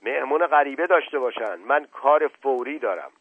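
A man voicing a hot-tempered man who shouts threats, heard on a tinny, dry radio broadcast. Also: mid-range voice, expressive, slightly rough. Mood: furious.

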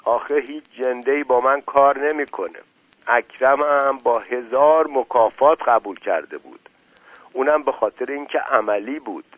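A man's voice: medium pitch, no echo, natural voice. A man voicing a grieving old woman who wails in despair, in a dry, phone-like recording. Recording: dry, phone-like narrow sound.

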